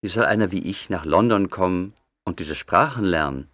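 An actor playing a gruff, blunt, suspicious man in an audio drama. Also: deep voice, expressive, normal speed, a bit bright, dry recording, studio quality. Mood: curious. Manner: blunt, agitated, rough-spoken.

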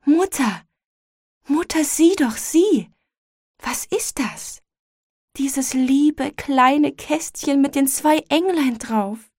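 A woman voicing a small, eager, innocent boy in a storybook reading, in a high, soft childlike voice. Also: slow pace, dry recording, clean studio sound. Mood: excited.

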